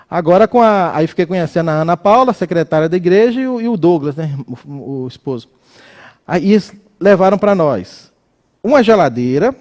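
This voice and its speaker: A man with a notably high-pitched voice delivers a sermon. He tells a personal story in a loose, anecdotal way, then builds into emphatic exhortation to his congregation. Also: darkish tone. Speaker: pastor.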